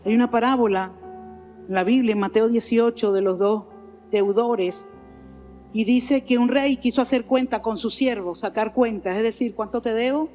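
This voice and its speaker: A Venezuelan woman pastor preaches with a bright, high voice, leaning on repetition and calling out "amén." Her words ring with a long reverb through a large church sanctuary. Soft music lingers faintly underneath. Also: moderate pace. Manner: earnest preaching with repeated phrases and frequent "amén". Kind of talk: sermon.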